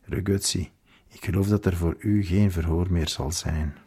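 A man's voice: sits low, fairly even intonation, moderate pace, mellow, slightly rough, pitched below the performer's own voice. A man voicing a sympathetic police interrogator who speaks with urgent concern in an audiobook. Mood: hushed.

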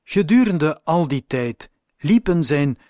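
A man gives plain, factual scripted narration at a middle pitch. The recording is dry and close, with no room sound. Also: expressive, slow pace, warm tone, no room sound.

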